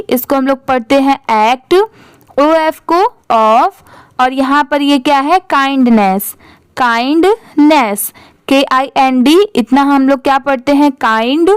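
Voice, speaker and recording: A woman's voice: high-pitched, dry recording. A woman teacher explaining English reading in Hindi. She spells each word out letter by letter, repeats it patiently and asks the class to say it after her.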